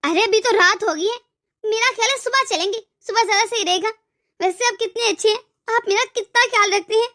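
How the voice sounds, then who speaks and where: A woman's voice: very high voice, brisk, pushed and bright. A woman voicing an emotional young wife and devoted daughter in a cartoon story, often stammering over her words. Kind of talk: cartoon voice acting.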